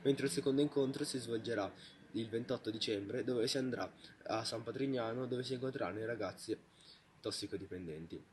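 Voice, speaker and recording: An anonymous correspondent in a mock newscast, speaking through an electronic filter that pitches the voice down to disguise it, reading the announcements in a steady, plain way. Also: brisk, a little hiss or hum. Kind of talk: read news report.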